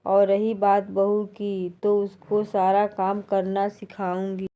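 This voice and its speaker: A woman voicing a gentle, caring elderly mother, in a storybook reading. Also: medium pitch, monotone, takes it slowly, phone-quality sound, natural voice. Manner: soothing and tender.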